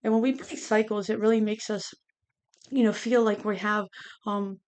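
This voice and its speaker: Reading tarot in a relaxed way, this woman wanders and hesitates, saying "you know" over and over, and her lingual braces give her a lisp. Her mid-range voice has a steady, darkish tone at normal speed.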